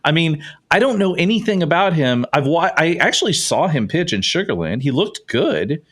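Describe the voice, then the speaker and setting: A man's voice: a little high, sing-song, moderate pace, a bit bright. A man co-hosting a sports podcast in casual chat, laughing often and trailing off mid-sentence. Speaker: podcast co-host.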